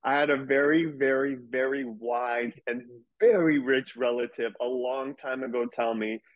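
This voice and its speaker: On lo-fi audio, a reality TV star guest with a Persian-community upbringing explains his views in a casual podcast chat, candid, animated and sometimes swearing. His medium-pitched voice stays fairly even in intonation and moves at a measured pace.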